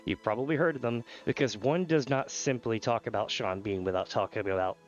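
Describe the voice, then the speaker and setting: A man hosting a gaming livestream in a casual, animated, rambling storytelling manner with dramatic asides. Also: medium pitch, brisk. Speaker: livestream host. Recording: slightly dull livestream audio with music behind. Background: background music.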